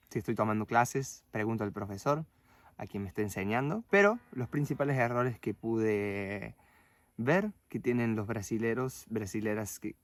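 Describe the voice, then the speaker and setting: A man teaching a Spanish lesson, patiently explaining and saying example words slowly and carefully. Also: mid-range voice, no room sound.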